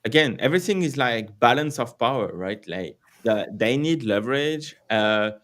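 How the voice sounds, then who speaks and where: A man's voice: medium pitch, lively intonation, moderate pace, fairly bright tone. A man with a French accent hosting a casual crypto livestream, rambling with lots of fillers, swearing and laughing.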